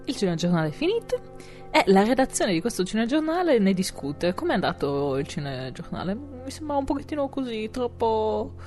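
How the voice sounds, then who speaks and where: A woman's voice: on the high side, sing-song, brisk, darkish tone, faint music behind. A woman co-hosting a casual film show, retelling a plot in a playful, conversational storytelling way. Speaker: podcast co-host.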